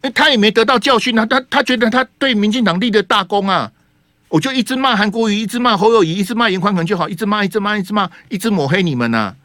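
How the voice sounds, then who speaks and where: A man's voice: sits high, fast talker, fairly bright tone, no room sound. A man with a Taiwanese Mandarin accent hosting a radio talk show, giving fiery, sarcastic political commentary full of rhetorical questions. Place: radio studio.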